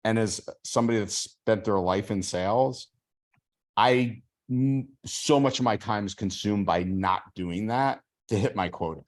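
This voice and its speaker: A man with a lowish voice hosts a casual online community call. He talks with animated energy and slips into mock sales pitches to make his points, heard through a video call mic. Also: a little slow.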